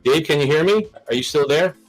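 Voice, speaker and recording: A man's voice: on the high side, expressive, brisk, rough recording. A man hosting a live stream, talking casually with many restarts and a nervous laugh.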